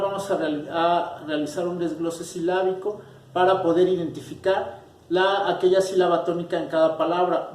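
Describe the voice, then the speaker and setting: A man's voice: fairly high pitch, darkish tone. A man introducing a lesson in an explanatory way, with some restarts. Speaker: teacher. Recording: roomy and distant from the mic.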